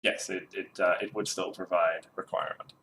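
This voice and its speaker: Low-voiced man in an echoey room. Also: fairly even intonation, moderate pace, fairly bright tone, slight background noise. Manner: hesitant, many fillers and restarts. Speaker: co-host. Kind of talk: casual card game podcast chat. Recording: roomy echo.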